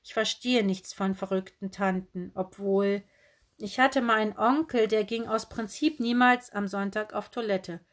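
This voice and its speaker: A woman's voice: mid-range voice, a little slow, natural voice. A woman voicing a cheerful, quirky young female bookseller in a kimono, bubbly and breezy. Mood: chirpy. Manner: bubbly, breezy, oddly matter-of-fact.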